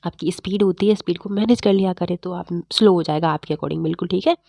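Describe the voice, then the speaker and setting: A woman teaching chemistry in a fast, repetitive exam-prep lecture, slightly unwell. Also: fairly low pitch, gravelly, dark tone, no room sound, clean studio sound. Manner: fast-talking, repetitive quizzing of students.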